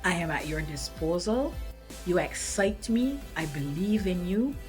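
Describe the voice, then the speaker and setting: A woman speaks in a somewhat low voice. She is an activist giving an earnest, measured interview. She pauses often on ums and restarts her sentences. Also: animated, darkish tone, faint music behind. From Barbados. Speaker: activist in residence. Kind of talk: reflective interview monologue.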